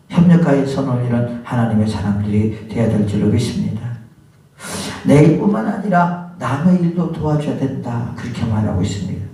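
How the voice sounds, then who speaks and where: 설교하는 남자 목사, 울리는 예배당. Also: male voice, on the low side, dark tone. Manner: asks the congregation rhetorical questions; acts out scolding voices in the examples. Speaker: pastor. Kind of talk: sermon. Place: church sanctuary. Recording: very echoey church hall, mic at a distance.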